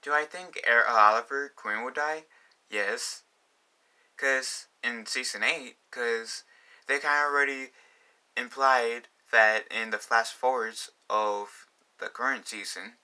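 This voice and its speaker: A man's voice: mid-range voice, steady tone, takes it slowly, bright, forceful tone, clear, resonant tone. A young man talking casually in a fan vlog, rambling with many fillers and restarts. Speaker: vlogger.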